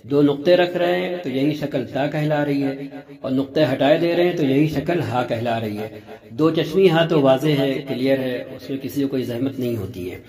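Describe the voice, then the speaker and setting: A man's voice: mid-range voice, darkish tone. A man teaching a script lesson, explaining patiently and repeating each point with fillers.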